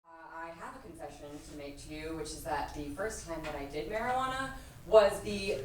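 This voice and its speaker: A woman's voice: deep voice, lively intonation, brisk, a loud crowd, very noisy. A woman telling a comic personal story live, in a rambling way full of "like.". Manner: rambling, heavy use of "like". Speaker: stage storyteller. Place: performance stage. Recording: echoey room, far from mic.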